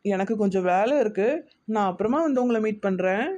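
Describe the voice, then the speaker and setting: A young woman acting as teacher in a children's Bible-school skit, lively and coaxing as she speaks to the kids. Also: mid-range voice, fairly quick, muffled recording. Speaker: church children's program teacher.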